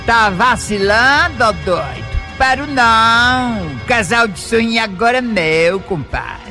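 Male actor: cheeky sketch crook, bright high voice, lazy slow delivery. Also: lively intonation, soft background music, heavily acted. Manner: mocking, slangy drawl. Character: cheeky young male street hustler.

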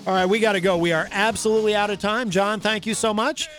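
A man's voice: high voice, fairly even intonation, fast talker, fairly bright tone, a little hiss or hum. A man hosting a live radio talk show, chatting and wrapping up. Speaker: radio host.

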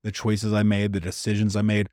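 A man's voice: fairly low pitch, monotone, brisk, darkish tone, no echo, studio quality. A man in casual podcast conversation, talking candidly and with emphasis, dropping slang like dude and bro.

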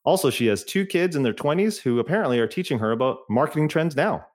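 A man's voice: fairly high pitch, lively intonation, fast talker. A man hosting a podcast interview, talking in a friendly, conversational way. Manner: friendly, conversational with filler phrases. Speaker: podcast host.

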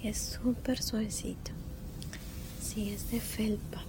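A woman doing a whispered role-play as a courteous, caring flight attendant, speaking softly and politely into a close microphone. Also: level tone, takes it slowly. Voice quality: soft, mostly unvoiced whisper. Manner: gentle, attentive, polite service talk with diminutives. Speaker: ASMR performer playing a flight attendant. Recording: rumbling background noise.

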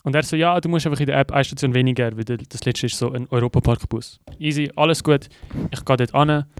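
A young Swiss German man tells a story at high speed and acts out every exchange. His voice is recorded dry and close, with no room sound. He speaks at a middle pitch, in a casual podcast chat. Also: fast talker, clear, resonant tone, dry recording. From Switzerland. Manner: animated, acts out dialogue in his stories. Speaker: podcast co-host.

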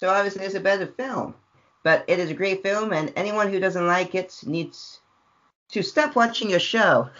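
At a normal speed and with a high-pitched voice, a man joins a podcast by video call for a casual review conversation. His delivery is energetic and repetitive, punctuated by loud yelps, and the lo-fi call audio sounds dull.

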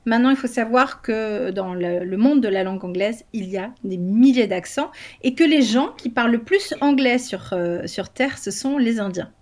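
Woman, slightly high voice, enthusiastic, long flowing explanations, casual group chat. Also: normal speed, hardly any pauses. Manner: enthusiastic, talks in long flowing runs with fillers. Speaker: co-host presenting a language-learning project.

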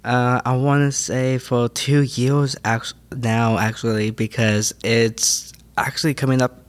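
A man's voice: medium pitch, level tone, measured pace. A man of twenty-one with an American accent, a young actor chatting casually as an interview guest in a theater. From California, USA. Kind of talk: casual chat.

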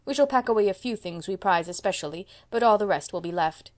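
A woman with a medium-pitched, expressive voice close to her everyday one talks fast while playing a 70-year-old spinster landlady. The character is brisk, proud, and decisive, a house owner who speaks emphatically.

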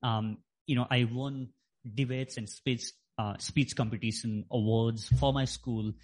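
Man from Nepal, 30s, podcast guest; hesitant, filler-heavy, mid-pitched. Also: fairly even intonation, unhurried, a little mellow. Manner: hesitant, many fillers and restarts. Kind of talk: reflective interview talk.

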